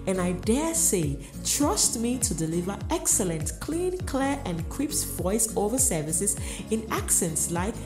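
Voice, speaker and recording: A woman's voice: medium pitch, big pitch swings, unhurried. A woman voiceover artist presenting herself in an emphatic, sing-song way. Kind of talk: self-promotional showreel talk. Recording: roomy sound with music underneath.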